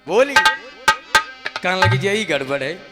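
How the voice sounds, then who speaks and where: A man's voice: sits high, big pitch swings. A man telling a devotional folk story, voicing the quoted speakers as he narrates. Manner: narrates with voiced quotes, breaks into long drawn-out song. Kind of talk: sung and spoken devotional story. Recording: long hall reverb with music behind.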